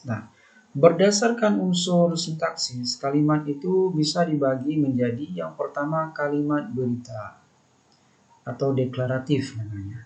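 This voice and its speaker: A man's voice: fairly high pitch, creaky, a little mellow. A man giving a recorded lesson over slides, explaining step by step and often repeating his key phrases. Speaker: teacher. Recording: dull lo-fi recording.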